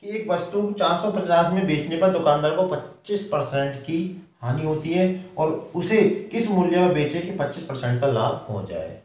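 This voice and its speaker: A man's voice: a little high, animated, moderate pace, a little mellow. A man with a Hindi accent teaching an exam-prep math lesson step by step, asking questions aloud and then answering them himself. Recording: echoey room from far off.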